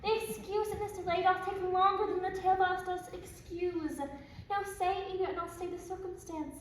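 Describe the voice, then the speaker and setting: A teenage girl plays an eager young girl in love, pressing impatiently for news. her very high voice comes from far across the stage and rings through a large echoing hall with faint background noise. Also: flat delivery, moderate pace. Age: teens. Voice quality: eager, pleading delivery. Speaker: student actor. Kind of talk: school stage play. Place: school auditorium stage. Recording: echoey hall, distant mic.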